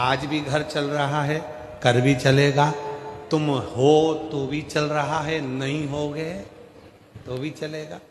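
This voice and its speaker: A man telling a devotional parable in a conversational sermon style, in an echoey hall. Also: medium pitch. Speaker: religious storyteller.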